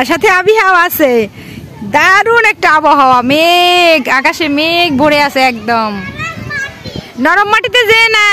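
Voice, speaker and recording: A woman with a high, somewhat bright voice and a Bangladeshi accent chats casually for her vlog outdoors, speaking with children on open grassy ground beside a school. Outdoor sound is faint.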